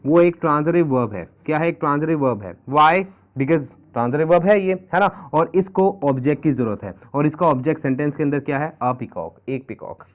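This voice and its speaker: A man with an Indian English accent teaching an exam-prep grammar lesson, switching between Hindi and English and asking the class questions. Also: on the high side. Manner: mixes Hindi and English, repeats questions to students.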